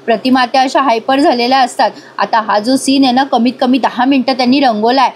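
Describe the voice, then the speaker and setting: A high-voiced woman gives a chatty voice-over recap of a TV serial and talks straight to her viewers. She slips into the characters' lines now and then. A faint hiss of background noise sits under her voice. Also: steady tone, fairly quick. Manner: chatty, addresses viewers, switches into characters' lines with raised pitch. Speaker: serial review narrator. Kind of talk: voice-over episode recap, acting out dialogue.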